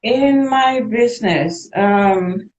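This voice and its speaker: A woman's voice: mid-range voice, extremely slow, darkish tone, lo-fi sound, slight background noise. A woman in her forties from Suriname, Dutch by first language, with a Dutch accent, talking frankly and reflectively as an interview guest. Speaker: guest entrepreneur. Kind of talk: casual interview chat.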